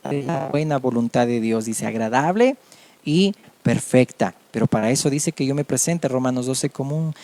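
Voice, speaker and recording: A man preaching a sermon as a pastor, earnest and measured, often adding amen. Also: medium pitch, warm tone.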